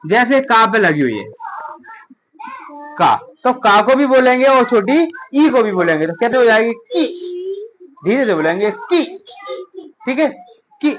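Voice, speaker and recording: A woman's voice: on the high side, big pitch swings, moderate pace, long pauses, slight background noise, low-quality recording. A woman teacher, drilling children on vowel signs in a classroom and answering her own questions. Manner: drilling, asks questions and answers them herself. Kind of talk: children's Hindi phonics lesson. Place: coaching classroom.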